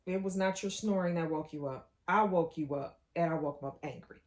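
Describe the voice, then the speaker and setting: A woman telling a story about her marriage to viewers in a casual, animated way. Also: fairly low pitch, brisk. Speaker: co-host.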